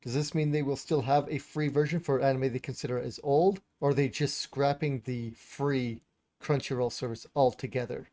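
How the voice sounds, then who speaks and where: A man's voice: medium pitch, fairly even intonation, moderate pace, mellow. A man co-hosting a podcast, casually going over anime news, hesitant and informal, often laughing. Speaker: podcast co-host.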